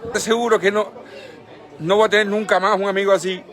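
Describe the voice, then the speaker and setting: A man's voice: high-pitched, steady tone, very fast, a crowd in the background. A Cuban man with a Cuban Spanish accent making an emotional, pleading appeal in a video clip. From Cuba. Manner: pleading, emotional, repeats address words. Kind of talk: impassioned plea in a video clip. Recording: clip with music playing behind.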